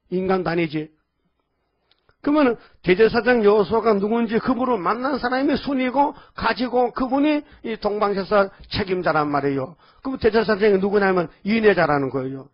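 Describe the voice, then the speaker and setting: A man preaching a sermon in a folksy, rambling way, often calling out to the congregation with quick questions. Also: sits high. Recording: dull lo-fi audio.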